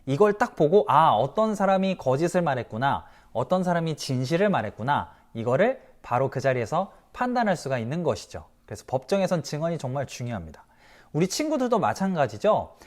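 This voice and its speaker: Leading a children's sermon, this male pastor tells the tale vividly, quizzes the children, and acts out each quoted line. He talks a bit quickly, in a slightly high voice.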